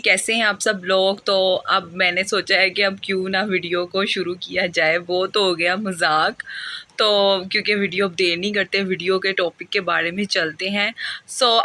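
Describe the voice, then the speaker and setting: A woman's voice: medium pitch, sharp tone. A woman vlogger talking casually to her viewers, chatty, repeating herself and checking in with them as she goes. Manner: chatty, repeats words and restarts, often asks viewers "okay?". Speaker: YouTube vlogger. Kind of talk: casual vlog talk to viewers.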